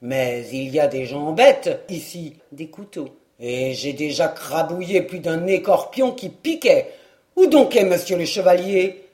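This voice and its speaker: Audiobook: reader doing a boastful country lad, loud, rough dialect. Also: mid-range voice, lively intonation, unhurried, voice pushed down, close to an everyday voice. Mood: loud rustic. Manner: rustic dialect, loud exclamations. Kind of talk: audiobook reading.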